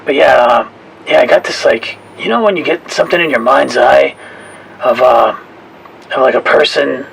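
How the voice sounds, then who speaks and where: A man chatting casually on a podcast in a hesitant, halting way with many pauses. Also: mid-range voice, gravelly, fairly bright tone, poor audio. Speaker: podcast co-host and caller. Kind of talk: casual chat. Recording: faint background noise.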